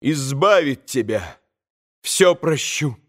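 A man voicing a bitter young woman who speaks in a slow, venomous, drawn-out way in an audiobook. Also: medium pitch, animated. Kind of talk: audiobook character reading.

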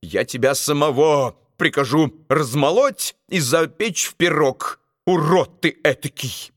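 A man doing a shrill furious duke. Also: a little slow, no room sound, clean studio sound. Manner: shouting, threatening. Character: hot-tempered boastful duke, male adult.

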